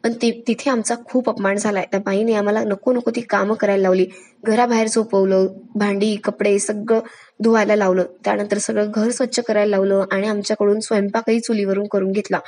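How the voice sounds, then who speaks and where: A woman narrating as a proud, indignant woman in a retold family serial, protesting loudly about her treatment. Her voice sits in a middle pitch. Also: level tone, fairly quick, lightly acted. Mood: aggrieved.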